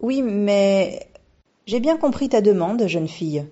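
A woman voicing a lively, kindly young female librarian in a storybook reading, with a dull lo-fi sound. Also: mid-range voice, slow pace, voice pushed up. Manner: bright and exclamatory. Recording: dull lo-fi recording.

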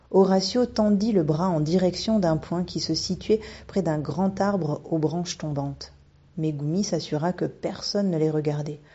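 A woman calmly narrating a storybook in a measured reading, with a dull lo-fi sound. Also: on the low side, breathy edge. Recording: dull lo-fi recording.

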